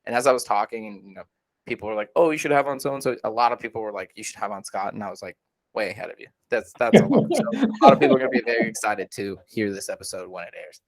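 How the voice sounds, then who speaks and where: A man's voice: on the low side, sing-song, fast, vocal fry. A young man hosting a podcast, talking eagerly and rambling with frequent fillers and restarts. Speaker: podcast host. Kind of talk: casual interview chat.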